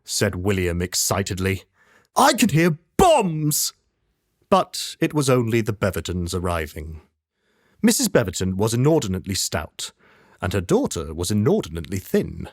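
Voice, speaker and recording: A male voice actor giving measured, expressive scripted narration and ad reads, recorded in a studio. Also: sits low, no room sound. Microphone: studio microphone.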